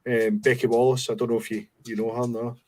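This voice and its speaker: A man's voice: mid-range voice, quick pace, poor audio. Scottish guy hosting a music podcast, laid back, lots of ums and ayes. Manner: relaxed, hesitant, lots of fillers. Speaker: podcast host. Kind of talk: casual chat.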